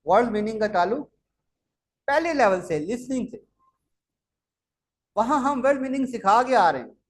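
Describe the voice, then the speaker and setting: A man's voice: extremely high pitch, animated, normal speed. A man giving a lecture to teachers, explaining step by step and correcting himself as he goes. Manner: explanatory, repeats steps, corrects himself with "sorry". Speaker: teacher trainer.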